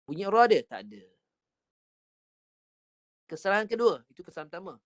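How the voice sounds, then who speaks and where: A man's voice: sits high, big pitch swings, fairly quick, dry recording. A man with a Malaysian Malay accent teaching Quran recitation online, patiently repeating and drilling letter sounds. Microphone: online class call.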